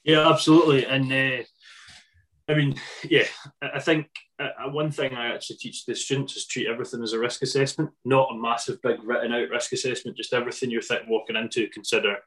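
A man with an average-pitched voice hosts a casual podcast. He rambles a little, feeling his way through sentences in a self-deprecating manner. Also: steady tone, brisk, fairly bright tone, poor audio. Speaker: podcast host.

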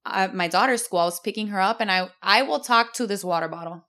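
A woman's voice: mid-range voice, fast, pushed and bright. A middle-aged woman from Miami, a podcast co-host telling stories in casual chat, quoting people she meets and laughing often. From United States (Miami). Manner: chatty storyteller, quoting others, laughing often.

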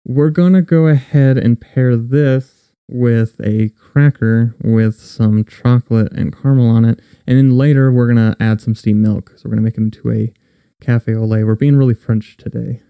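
A man's voice: medium pitch, steady tone, normal speed, mellow, clean tone, dry recording. A young man hosting a podcast, chatting easily and describing flavors in an easygoing way. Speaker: podcast host. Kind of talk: casual tasting chat and scripted intro.

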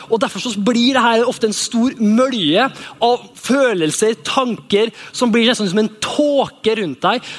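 A man's voice: high voice, big-room sound. A man in his thirties preaching a sermon in a conversational, joking way, with many fillers and restarts.

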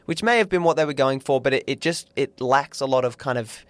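A man co-hosting a casual film podcast, talking in quick bursts that restart often. He slips into little playful quoted voices as he makes his points. His voice sits at an ordinary middle pitch, recorded close and dry. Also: no room sound. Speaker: podcast co-host. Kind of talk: casual film-review chat.

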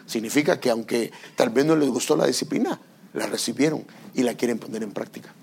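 An older man preaching a sermon as pastor, animated and acting out parents and children in little scenes. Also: medium pitch, fairly quick, creaky, a little hiss or hum.

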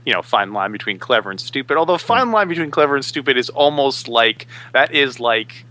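A man's voice: mid-range voice, animated, brisk, pushed and bright. A man chatting casually on a podcast, swearing freely and quoting film lines.

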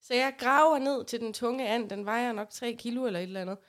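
A woman telling a funny everyday story in casual chat, animated and often laughing. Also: on the high side.

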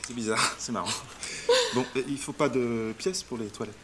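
A man's voice: medium pitch, normal speed, noisy background, natural voice. A man playing a shy, awkward married man in a sitcom, hesitant and uneasy in small talk. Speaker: worker from a downstairs company. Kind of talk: sitcom acting.

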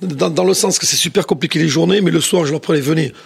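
A middle-aged chef from southwest France with a southwest French accent, telling stories in a rambling way with many restarts. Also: male voice, a little high, fast talker, gravelly, slightly rough. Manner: rambling, many restarts, says "tu vois" often. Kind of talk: casual interview storytelling.

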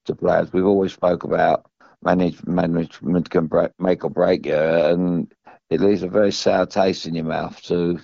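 Deep, gravelly older British man, halting. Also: little pitch movement, dark tone, no echo. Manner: halting, repeats and restarts phrases. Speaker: former professional footballer, pundit. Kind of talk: casual football discussion. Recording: dull, dry close recording.

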